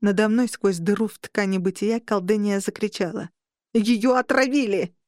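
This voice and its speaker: A woman narrating an audiobook in the first person, with measured, tense storytelling. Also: medium pitch, steady tone, darkish tone, dry recording, clean studio sound.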